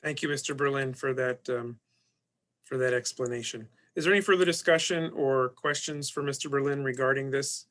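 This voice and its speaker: A man's voice: mid-range voice, fairly quick, a bit bright. A man speaking as board president, running a meeting with formal procedural phrasing.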